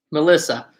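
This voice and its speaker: With a slightly high voice and some vocal fry, a man from West Virginia runs a casual livestream. He chats loosely and replies to comments from viewers.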